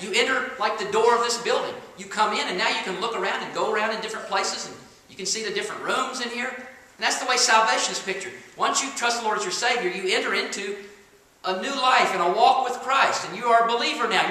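A man's voice: sits high, pushed and bright. A man preaching a sermon as pastor of a church, dramatic and acting out the voices he quotes. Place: church sanctuary. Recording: echoey church room.

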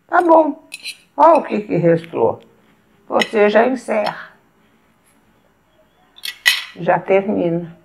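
A woman with a Brazilian Portuguese accent, patiently showing step by step how to eat at the table and pausing to eat as she goes. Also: medium pitch, vocal fry. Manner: patient, explains step by step while eating. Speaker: etiquette instructor. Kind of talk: casual demonstration.

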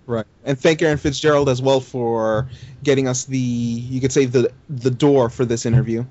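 A man co-hosting a gaming podcast, enthusiastic and quick to laugh in casual chat. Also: mid-range voice, fairly even intonation, darkish tone, no echo, muffled recording. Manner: laughs easily, enthusiastic fan. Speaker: podcast co-host.

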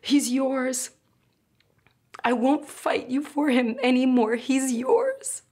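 Young woman playing a sorrowful tragic mother, dramatic monologue, slow halting pace, slightly high pitch, guilt-ridden. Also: lively intonation, a little mellow, slightly rough, full character voice. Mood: tearful resignation. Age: young adult. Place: indoor studio with plain backdrop.

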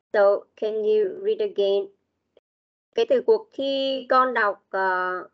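A woman's voice: medium pitch, dull audio. A Vietnamese woman teaching an English class online, switching between Vietnamese and English as she corrects pronunciation.

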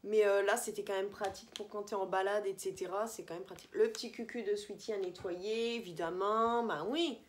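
A woman's voice: medium pitch, steady tone, a little fast, hardly any pauses, a little hiss or hum. A woman chatting casually through a beauty product review vlog in a holiday apartment, rambling and correcting herself with many fillers. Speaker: beauty vlogger.

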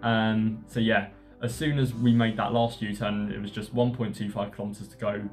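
A man talking casually about his running training in a relaxed, rambling way with lots of fillers. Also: lowish voice, normal speed, soft background music. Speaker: running vlogger. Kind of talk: casual vlog narration.

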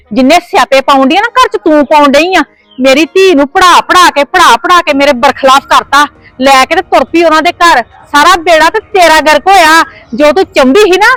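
A woman playing a shrill scolding mother-in-law. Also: a bit bright, no room sound, poor audio. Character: scolding quarrelsome mother-in-law, shut out of the house. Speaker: actor. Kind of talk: village family drama acting.

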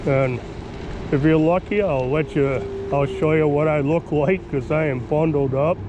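A man's voice: fairly high pitch, unhurried, dull audio. A man talking in a casual, folksy vlog style while riding an electric scooter outdoors. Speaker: vlogger. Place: outdoors, riding along park roads and stopping at a pavilion. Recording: outdoor action camera with ambient noise.

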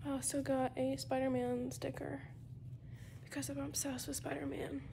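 A woman's voice: sits high, little pitch movement, normal speed, gravelly, mellow, slight background noise. A teenage girl talking into her phone camera in a chatty, rambling diary vlog, often giggling. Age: teens. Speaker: vlogger.

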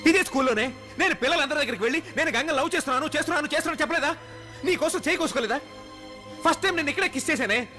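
A man's voice: very high voice, racing, pushed and bright. An actor playing an obsessive, emotional young man in a film drama, pleading and at times mocking. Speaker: film hero. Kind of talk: Telugu film drama acting. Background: film score music.

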